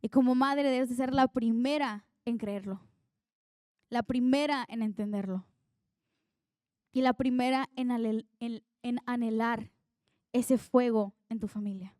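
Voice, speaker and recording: A young woman preaches an earnest sermon in a conversational way, telling stories from her own life. Her voice sits fairly high and sounds mellow and smooth. The sound is dry and close, with little room echo. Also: steady tone, measured pace, long pauses.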